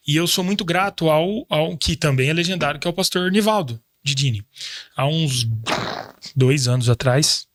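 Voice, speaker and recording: A Brazilian man in his thirties, a guest on a casual interview, speaks in a reflective, faith-driven way and often restarts his sentences. His voice sits high with a fairly bright tone, captured on a studio microphone with no room sound.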